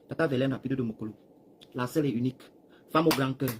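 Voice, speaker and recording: A Cameroonian man rambling through a live stream, talking straight to his viewers and swinging between loud bursts and hushed asides while seated. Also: mid-range voice, fast talker, slight background noise. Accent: Cameroonian French. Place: seated, chair.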